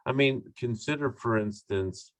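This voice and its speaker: A man giving an online training talk on communication, deliberate and emphatic, with asides and fillers, recorded over a video call. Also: medium pitch, no room sound, poor audio.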